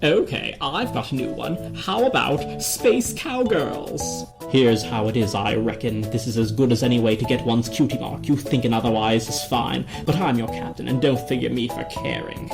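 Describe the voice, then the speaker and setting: A woman voicing a mischievous male spirit of chaos in a dramatic comic reading, with gravelly, mock-sweet, hammy stage-actor delivery. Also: low-pitched, big pitch swings, slow, few pauses, over music, exaggerated voice.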